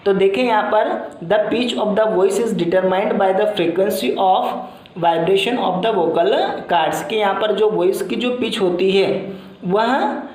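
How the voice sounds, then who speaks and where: A man teaching a lesson at a slow, unhurried pace, circling back over each point with plenty of filler words. He reads quoted English lines out slowly before explaining them. His voice rings through a very echoey room. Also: high voice, a little mellow. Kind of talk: classroom lecture explaining English grammar.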